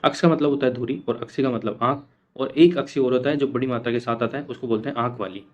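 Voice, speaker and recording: A man's voice: medium pitch, fast. A man teaching an exam coaching lesson, repeating each answer and asking the class questions that he answers himself. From India.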